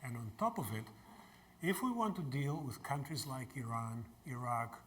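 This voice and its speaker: An older man from Greece, giving a university lecture and taking audience questions in a measured way. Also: medium pitch, big pitch swings. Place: lecture hall.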